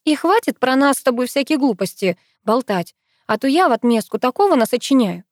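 A woman voicing a sassy, quick-tempered teenage girl in an audiobook, with snappy, mock-stern lines. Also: sits high, animated, no room sound, studio quality, voice pushed up.

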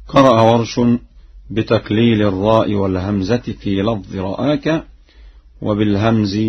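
رجل عالم بالقراءات يشرح في درس إذاعي ديني بإلقاء رصين، ويرتل شواهد قصيرة من الآيات بين الشرح. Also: male voice, medium pitch, vocal fry, breathy edge. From Egypt. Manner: measured formal explanation with short chanted verse recitations. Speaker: Quran recitation scholar. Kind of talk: broadcast religious lesson. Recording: muffled old radio broadcast.

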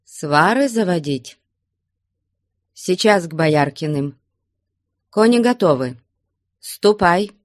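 A woman's voice: mid-range voice, slow pace, no echo, studio quality, pitched above the performer's own voice. Woman playing an imperious old abbess. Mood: commanding. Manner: even, commanding. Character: older abbess, imperious and composed.

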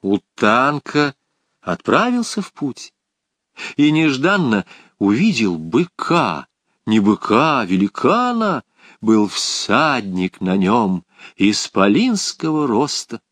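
A man reads an epic poem for an audiobook in a measured, rhythmic way. He is slow, and his pitch rises and falls widely. The sound is dry and close. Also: big pitch swings, fairly bright tone, dry recording. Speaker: audiobook narrator. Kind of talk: reading verse epic.

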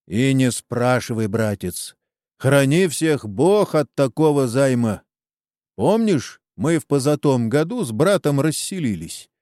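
A man's voice: medium pitch, animated, unhurried, darkish tone, dry recording, studio quality, pitched above the performer's own voice, natural voice. A man voicing a weary, indebted peasant farmer who talks in a rueful, plain-spoken way, in a storybook reading.

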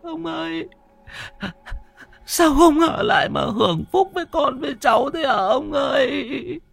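A man voicing an elderly widow who wails and cries high over her dead husband in a ghost story. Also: expressive, measured pace, gravelly, a bit bright, dry recording, heavily acted. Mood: grieving. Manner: crying, high falsetto wail.

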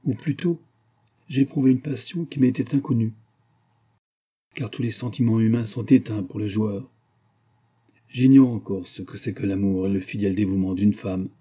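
A man voicing a ruined, desperate old gambler who pleads and then confesses gravely, in an audiobook reading. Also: fairly low pitch, normal speed, long pauses, dark tone.

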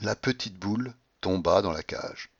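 A man narrating a classic novel aloud in an expressive, dramatic manner. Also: low-pitched, measured pace, slightly rough, no echo, dull audio. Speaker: audiobook reader. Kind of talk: literary narration read aloud.

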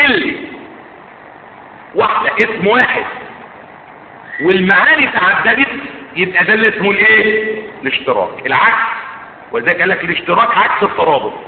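A man with a high voice and an Egyptian accent teaches a religious class, tossing quick questions back to his students. The sound is thin and phone-like. It rings around a big echoey hall with a faint hum underneath. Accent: Egyptian Arabic. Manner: keeps quizzing listeners with quick check questions. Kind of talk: classroom lecture.

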